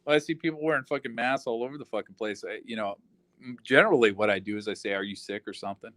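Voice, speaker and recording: A man's voice: fairly low pitch, quick pace, fairly bright tone, no echo. A man ranting in casual talk, profane and rambling, full of fillers like "you know".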